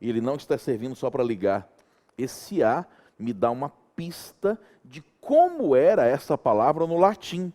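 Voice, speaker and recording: A man's voice: medium pitch, moderate pace. A middle-aged Brazilian man teaching a Portuguese grammar lesson, checking in with the students again and again. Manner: animated, checks in with students often.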